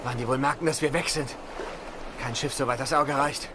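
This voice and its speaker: A man's voice: medium pitch, steady tone, a little fast, background noise, lightly acted. A man dubbing a hot-headed young man in a film, bickering and sarcastic. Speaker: dub actor. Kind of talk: German film dub.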